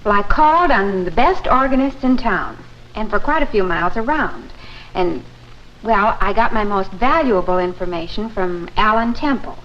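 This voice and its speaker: A woman's voice: mid-range voice, expressive, moderate pace, fairly bright tone, lightly acted. An actress playing a polite, conscientious churchwoman in a 1950s promotional film, speaking in an earnest, proper way. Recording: muffled, noisy 1950s film soundtrack.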